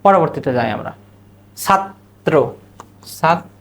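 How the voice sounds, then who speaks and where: A male teacher with a Bangladeshi Bengali accent drills students on pronunciation. He asks a question, repeats the answer, and draws out model words slowly, syllable by syllable. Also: a little high, lively intonation, fairly bright tone. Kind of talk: recorded exam-prep lesson.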